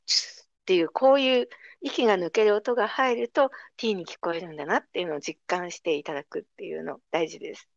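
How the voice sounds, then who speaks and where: A middle-aged woman who teaches language, patiently explaining pronunciation in a relaxed conversation. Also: fairly low pitch, quick pace, vocal fry, no echo. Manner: patient, explanatory, lively intonation. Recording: dry, dull lo-fi sound.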